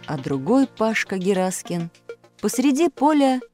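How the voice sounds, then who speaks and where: A woman narrating a children's story aloud in an expressive, animated way. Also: mid-range voice, measured pace, soft background music.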